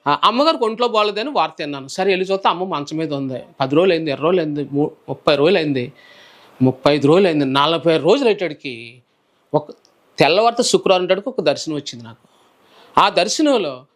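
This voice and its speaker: High-voiced soft-spoken preacher man. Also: fast talker. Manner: soft-spoken, calm storytelling. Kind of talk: personal testimony in an interview.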